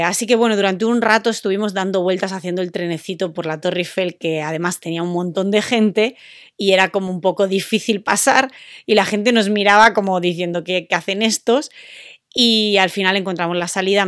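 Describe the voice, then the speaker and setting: A woman tells a personal story in a chatty, rambling way, filling pauses with small sounds. Her voice sits at an ordinary middle pitch. The recording is close and dry, with no room sound. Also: a bit bright, dry recording. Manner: chatty, hesitant with many fillers. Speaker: podcast co-host. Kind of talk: casual storytelling.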